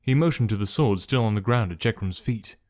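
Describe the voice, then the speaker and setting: A man reading a novel aloud in a measured, even storytelling manner. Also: lowish voice. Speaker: narrator. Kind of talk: scripted narration.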